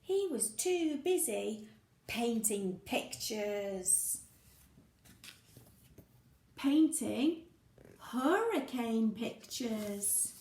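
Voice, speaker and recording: A teacher with a fairly high voice reads a picture story aloud for young children, making it playful and expressive. She adds sound effects and poses questions to the listener, and the recording has a roomy sound.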